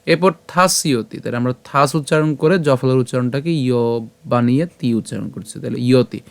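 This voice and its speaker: A man's voice: mid-range voice, vocal fry. Patient man teaching syllable by syllable. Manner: patient, breaks words into syllables slowly. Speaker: scripture pronunciation teacher. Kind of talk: step-by-step recitation lesson.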